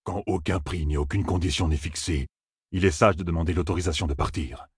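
A man voicing eerie fox-like strangers who speak in low, cold murmurs, read close and dry. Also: brisk, slightly rough, no room sound. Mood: cryptic cold.

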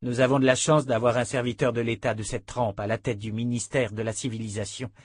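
A man's voice: medium pitch, flat delivery, a little fast, dry recording, clean studio sound, lightly acted. A man voicing a timid, shaken young noblewoman who speaks politely and a little strained. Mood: nervous politeness.

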